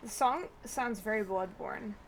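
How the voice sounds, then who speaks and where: A high-pitched female voice in casual live stream commentary. She plays a video game and reacts out loud, excitable and quick to swear. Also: slight background noise.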